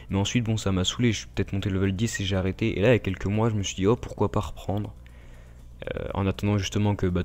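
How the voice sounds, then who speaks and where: A French-accented man chats loosely over his gameplay, stopping and restarting his sentences and talking straight to his viewers. His voice sits a little low for a man. The talk stays relaxed and unscripted throughout. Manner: rambling, filler-heavy, addresses viewers directly. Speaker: gaming YouTuber. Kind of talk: casual gameplay commentary.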